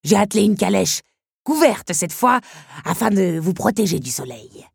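A polite coachman servant from a storybook delivers his message courteously, voice lifted a little, as a woman narrator plays him. The sound is husky and close, with no room echo. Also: mid-range voice, big pitch swings, normal speed, a little mellow, voice pushed up, exaggerated voice.

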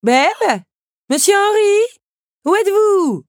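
A woman voicing a countess who calls loudly across an orchard in a shrill, high voice. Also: big pitch swings, takes it slowly, no room sound, clean studio sound, full character voice. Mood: calling out. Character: elderly countess calling out from afar.

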